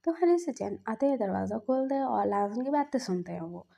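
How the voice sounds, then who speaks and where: A woman telling a fan-fiction story in a casual, hushed way, sometimes dropping to a whisper. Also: on the high side, animated, a little fast, gravelly. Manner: hushed, at times whispered narration. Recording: dull lo-fi recording.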